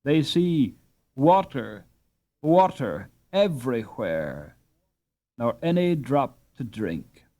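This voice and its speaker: Here a man narrates an audiobook of a classic novel; his pitch is medium and his storytelling is measured yet expressive.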